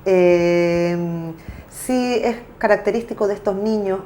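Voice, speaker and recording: A woman's voice: mid-range voice, takes it slowly, mellow, a little hiss or hum. A woman, explaining at length as an interview guest, with frequent fillers and self-corrections. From Canary Islands. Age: 40s. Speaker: interviewee, parent and association president. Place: local TV studio.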